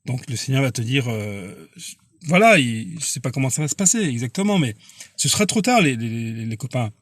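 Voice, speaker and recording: A man preaching casually on a live stream and answering viewers' comments, halting and repeating words, earnest and insistent. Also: mid-range voice, very animated, no room sound.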